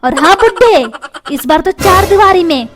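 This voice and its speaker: A woman playing a sharp-tongued cartoon wife. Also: extremely high pitch, animated, moderate pace, loud music behind the voice. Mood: quarrelsome. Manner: scolding, quarrelsome. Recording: noisy background.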